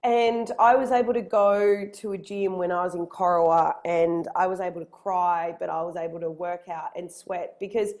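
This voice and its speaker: Loud-projecting Australian woman trainer. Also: on the low side. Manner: lively and quick when excited. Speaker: personal trainer, podcast co-host. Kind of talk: casual podcast chat.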